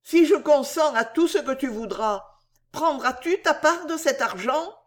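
A woman's voice: high-pitched, expressive, measured pace, voice pushed up. A reader voicing a fat old drunkard man who whines, stammers and pleads tearfully. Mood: eager, fretful.

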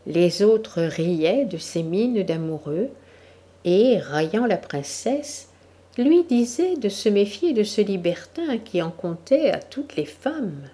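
A woman reading a literary story aloud in a slow, measured storytelling manner. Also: medium pitch, very animated, warm tone. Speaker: audiobook narrator.

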